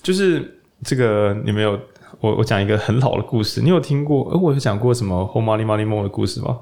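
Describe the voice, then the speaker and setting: A man's voice: fairly low pitch, quick pace, vocal fry. A man with a Taiwanese Mandarin accent, hosting a casual podcast and telling a story, acting out the voices in it. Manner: animated storyteller who acts out voices in the tale. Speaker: podcast host.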